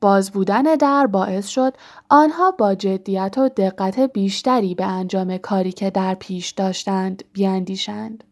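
A woman reading a story aloud in measured narration, sometimes dropping to a soft whisper. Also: mid-range voice. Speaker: audiobook narrator. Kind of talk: scripted narration.

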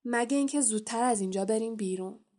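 A woman's voice: fairly high pitch, warm tone, lightly acted. A woman reading as a firm young schoolboy wizard. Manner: polite but firm.

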